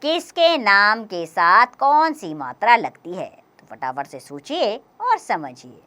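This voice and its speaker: A woman teaching a grammar lesson for young children, explaining slowly and clearly, step by step. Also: mid-range voice, very animated, bright, forceful tone.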